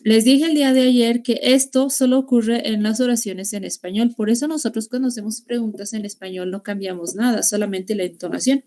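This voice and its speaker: A woman's voice: a little high, fairly even intonation, a little fast, few pauses. Woman teaching an online class. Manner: explains grammar in Spanish mixing English classroom phrases; warm, encouraging teacher talk with diminutives. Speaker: English teacher. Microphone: video call.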